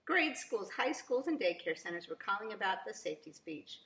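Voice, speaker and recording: A woman reading a picture book aloud to young children as a teacher, very expressively, with drawn-out emphasis. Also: medium pitch, big pitch swings, sharp tone. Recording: roomy, echoing sound.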